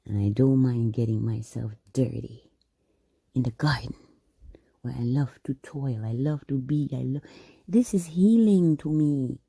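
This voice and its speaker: A woman's voice: very deep voice, steady tone, a little slow, gravelly, dark tone, breathy edge, no room sound. A woman delivering a rambling, grandiose monologue that drifts between whispers and rants.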